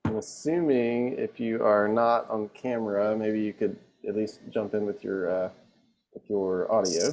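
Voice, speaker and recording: A man's voice: fairly low pitch, fairly even intonation, unhurried, darkish tone, faint music behind. A man moderating a webinar over a video call, loose and conversational with light chuckles. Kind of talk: casual chat moderating a webinar.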